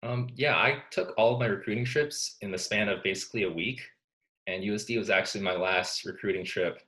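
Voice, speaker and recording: A young man from Canada answers questions as an interview guest, his voice sitting very low. He talks in a soft-spoken, easygoing way, often pausing with ums as he thinks. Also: poor audio. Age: young adult. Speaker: student athlete guest.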